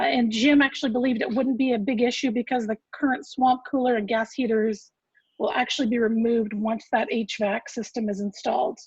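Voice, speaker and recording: A woman's voice: sits high, breathy edge, no echo. A woman giving a formal, point-by-point meeting report over a group voice chat, her connection cutting out. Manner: steady, list-by-list reporting with fillers. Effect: group voice chat audio that cuts out. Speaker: agency member reporting at a public meeting. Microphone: computer mic on a video call. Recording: dull lo-fi online call audio.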